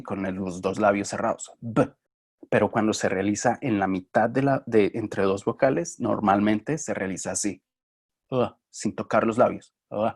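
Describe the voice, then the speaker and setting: A man's voice: on the low side, a little mellow, husky. A man giving a phonetics lesson, hesitant, with many fillers and restarts, often checking in with his students. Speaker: phonetics teacher. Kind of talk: recorded lecture.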